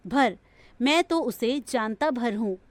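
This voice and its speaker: Slow, high-voiced woman reading a grammar lesson. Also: no echo. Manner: slow, measured, even textbook delivery. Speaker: textbook audio reader.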